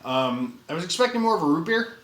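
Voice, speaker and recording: A streamer doing a taste test chats casually on a live stream in a roomy space with faint background noise. His voice is on the high side and brisk, and he stays relaxed and chatty, thinking aloud with fillers.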